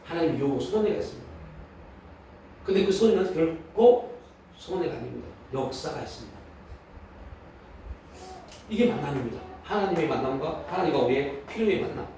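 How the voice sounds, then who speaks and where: A man's voice: a little high, animated, fairly quick, pauses often, dark tone, slight background noise. A male pastor preaching at a prayer meeting, asking the congregation rhetorical questions. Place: church hall. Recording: echoey hall from a distant mic.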